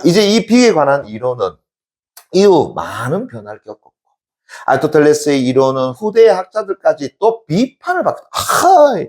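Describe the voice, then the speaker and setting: A male exam-prep teacher giving a classroom lecture, constantly checking in with his class and answering his own questions. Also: a little high. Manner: call-and-response, keeps asking "됐니?" and answering himself; emphatic, shouts out examples.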